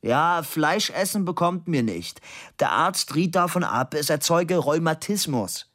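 A man voicing a mischievous young man who pretends to be hard of hearing, in a high, loud, exaggerated voice. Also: lively intonation, measured pace. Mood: mock-innocent. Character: young man, mock-deaf prankster, mischievous.

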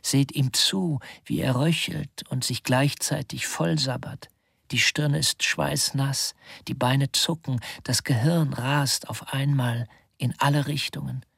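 A man with a gravelly, husky voice reads a literary narration slowly and deliberately, often sinking into a hushed whisper. The recording is dry and close, with no room sound at all. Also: medium pitch, no echo. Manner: slow, deliberate, dropping to whispers.

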